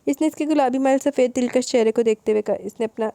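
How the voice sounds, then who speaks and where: A woman narrating a novel in a steady, expressive storytelling manner. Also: a little high, no echo. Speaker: audiobook narrator.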